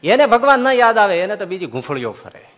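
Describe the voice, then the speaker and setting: A man giving a devotional sermon, telling stories and swinging between loud rises and quiet drops. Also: high voice, a little fast, in a large hall. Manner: storytelling, lively rises and drops in loudness. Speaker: preacher.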